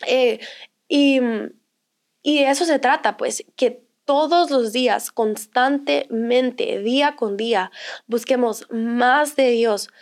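A woman who is a pastor and podcast co-host talks in a warm, conversational way, with lots of fillers and restarts. Her voice is fairly high and she takes her time.

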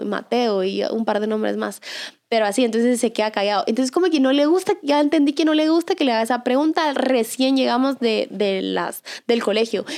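A woman, co-hosting a podcast and telling a family story in casual chat, acting out the voices of the people in it. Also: a little high. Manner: animated, acts out her own and her son's lines. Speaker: podcast co-host, mother.

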